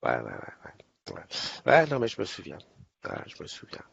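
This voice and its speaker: A man's voice: sits low, wildly swooping pitch, normal speed, gravelly, a bit bright, slightly rough. A man from Nice hosting a casual livestream, chatting in a rambling way with many restarts. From Nice, France. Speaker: livestream host. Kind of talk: casual live chat. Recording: slightly dull sound, faint background noise.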